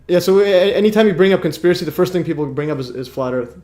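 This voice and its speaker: A man's voice: sits high, animated, rapid-fire, a little mellow. A tired man born in Iraq hosts a livestream, rambling with many fillers and restarts. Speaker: livestream host. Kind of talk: casual livestream chat.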